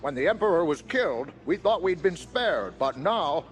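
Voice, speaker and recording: An actor playing a grave alien admiral in an audio drama, speaking formally in solemn declarations. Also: male voice, a little high, very animated, normal speed. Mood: sorrowful. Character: grave alien admiral defending his doomed people. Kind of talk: audio drama acting over orchestral score.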